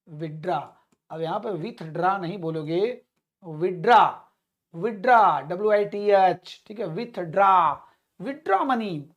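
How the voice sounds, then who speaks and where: A male English teacher giving a spoken-English lesson, repeating phrases as drills and quizzing his students. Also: sits high. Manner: emphatic, questioning teacher tone.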